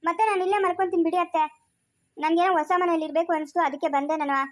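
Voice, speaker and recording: A woman playing a timid young daughter-in-law in a homemade comedy skit, asking high, fast, pleading questions. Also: steady tone. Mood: plain.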